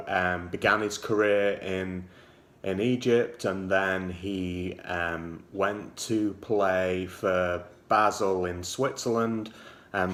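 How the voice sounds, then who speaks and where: A man's voice: lowish voice, a bit bright. A man in his forties with a Liverpool-area accent, giving casual fan commentary with many ums and restarts. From England. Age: 40s. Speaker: football fan vlogger.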